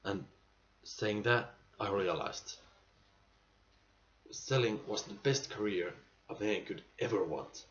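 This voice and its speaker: A man playing an aging, nostalgic salesman in a dramatic stage monologue, earnest and halting, with emphatic bursts. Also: lowish voice, a bit bright. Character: aging male salesman, nostalgic, pleading, weary pride. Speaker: actor performing a monologue. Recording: muffled amateur recording with clear background noise.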